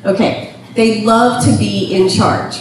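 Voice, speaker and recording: A middle-aged woman giving a chatty talk to an audience, laughing often and filling pauses with ums. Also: mid-range voice, steady tone, a little hiss or hum. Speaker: speaker on temperament. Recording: echoey room from far off.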